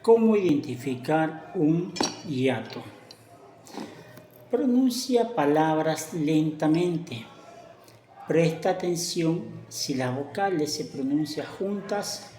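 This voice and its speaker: A woman teaching a grammar lesson, speaking slowly and deliberately and spelling out example words one at a time. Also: deep voice, lively intonation, dark tone, roomy sound, slight background noise.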